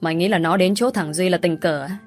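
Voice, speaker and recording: A woman's voice: lowish voice, fast, darkish tone, soft background music, close to an everyday voice. A woman voicing a brash, bad-tempered female friend who scolds sharply. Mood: bitter.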